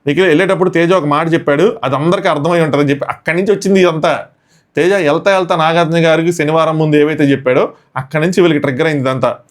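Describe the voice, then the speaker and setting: A man reviewing a reality show episode who talks extremely fast, barely pausing between points. His voice sits a little high for a man, and he slips English words into a breathless, storytelling recap. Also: fairly even intonation. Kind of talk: rapid episode recap commentary.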